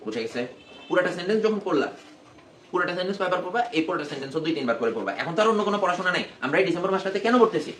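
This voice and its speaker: A man's voice: high-pitched, expressive, rapid-fire, a bit bright. A male teacher giving a classroom lesson, patiently repeating phrases for his students. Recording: echoey classroom, faint noise.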